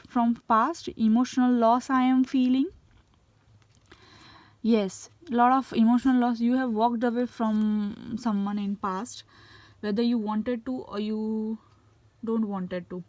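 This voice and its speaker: A woman with an Indian English accent, a fairly high and slightly mellow voice, and a cold gives a casual tarot reading. Her delivery is halting, full of fillers and restarts.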